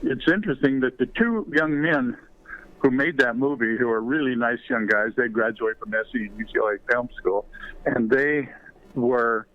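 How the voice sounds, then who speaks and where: A man's voice: medium pitch, normal speed. Older male guest, anecdotal storyteller, loose and digressive, phone-quality audio. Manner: rambling anecdotal storytelling with many fillers. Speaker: interview guest, former ballplayer and author. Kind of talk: storytelling in a podcast interview. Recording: tinny phone line.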